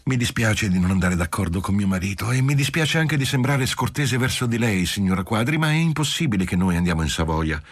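Man putting on an obstinate young wife, higher voice, husky, reluctant, audiobook figure. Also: animated, a little fast, few pauses, dry recording. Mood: polite. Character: cool, stubborn young wife.

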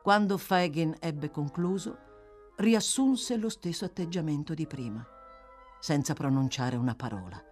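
A woman narrating an audiobook in an expressive, dramatic reading style. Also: deep voice, measured pace, faint music behind. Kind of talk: scripted narration.

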